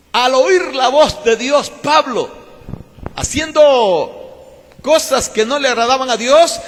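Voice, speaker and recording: A male pastor preaching a sermon at a church service, emphatic, swinging between loud exclamations and quiet asides. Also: high voice. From Mexico. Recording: long hall reverb.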